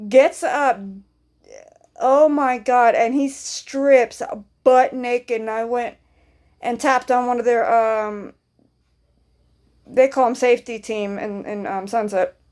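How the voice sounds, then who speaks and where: A young woman with a slightly high voice tells a rambling story in a casual vlog. She repeats herself, doubles back on her words and swears offhandedly as she goes. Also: a little mellow. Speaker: vlogger.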